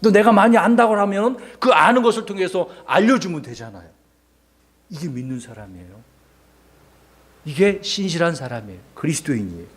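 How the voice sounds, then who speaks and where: A man gives a Sunday school sermon to children, pitched high for a man. His voice swings widely up and down as he quizzes the kids and acts out small voices. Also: fairly quick. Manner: animated, asks the children questions and acts out voices.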